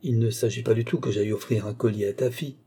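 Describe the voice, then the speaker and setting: A man's voice: on the low side, fairly even intonation, fast, mellow, slightly rough. A man voicing an aged, mannered court duke who mocks and lectures in an affected, theatrical way. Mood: sly mocking.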